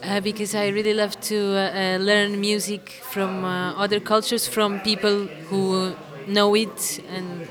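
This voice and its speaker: A woman's voice: medium pitch, little pitch movement, measured pace, few pauses. Woman over crowd chatter. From Portugal. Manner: hesitant, many fillers and restarts. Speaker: interviewee, amateur musician. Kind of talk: casual interview answers.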